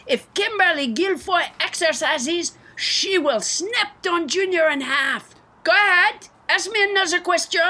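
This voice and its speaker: A self-important male French president in a satirical comedy sketch, played by a woman, high and sharply bright in voice. The delivery is pompous and declarative, swinging widely in pitch and sprinkled with mock-French words. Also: full character voice. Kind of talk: satirical press conference sketch.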